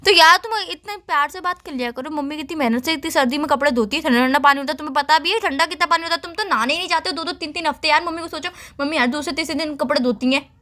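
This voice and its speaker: A woman's voice: high-pitched, very fast, hardly any pauses, sharp tone. A young woman scolding her boyfriend in casual, argumentative banter. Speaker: girlfriend on a call.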